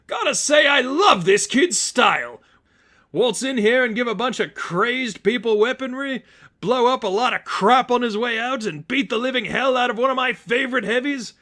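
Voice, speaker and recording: A man voicing a manic, gleeful clown supervillain in a high, loud, theatrical, taunting voice for a story reading. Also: expressive, normal speed, exaggerated voice.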